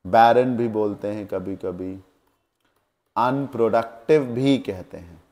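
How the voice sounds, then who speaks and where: A man's voice: lowish voice, slow pace, a little mellow. Indian man teaching English vocabulary. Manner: explains word meanings with Hindi glosses, asks checking questions. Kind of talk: classroom vocabulary lesson.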